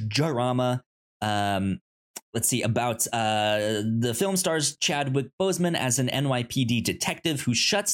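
Pitching movies in a casual chat, this podcast co-host talks in a halting way, often stammering and repeating syllables.

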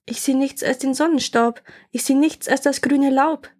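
A young sister who answers from her watchtower in a gentle, chanting sing-song, as a woman reads her in a storybook. Her voice is raised above the reader's usual pitch and stays light. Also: steady tone, normal speed, natural voice. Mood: calm.

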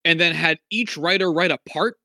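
Man, podcast co-host, bright tense voice, rambling casual film talk, dry close sound. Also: a little high, moderate pace, vocal fry, no room sound. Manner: rambling, frequent fillers, wry asides. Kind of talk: casual movie review chat.

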